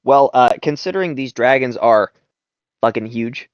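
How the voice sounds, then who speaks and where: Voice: medium pitch, expressive, normal speed, clear, resonant tone, no echo, muffled recording. A player describing their characters' moves in a tabletop game, rambling and hesitant, fighting yawns.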